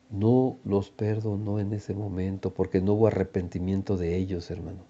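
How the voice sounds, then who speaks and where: A man's voice: on the low side, warm tone. A man with a Mexican Spanish accent preaching a sermon, teaching unhurriedly, reading scripture and asking his listeners rhetorical questions. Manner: unhurried teaching, addresses listeners as little brothers; reads scripture aloud and asks rhetorical questions. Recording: dull lo-fi recording.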